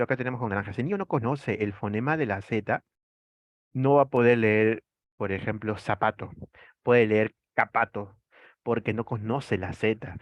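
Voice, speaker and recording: A man from Peru with a Peruvian Spanish accent and a medium-pitched voice lectures an online class, explaining material and posing rhetorical questions he then answers himself. He frequently tags his sentences with "¿no?", and the recording is dry and muffled.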